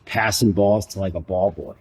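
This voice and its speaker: A man's voice: deep voice, fairly even intonation, normal speed, a little mellow, slightly rough. A man co-hosting a sports podcast, rambling and telling stories in casual chat. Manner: rambling, storytelling, full of fillers. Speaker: podcast co-host.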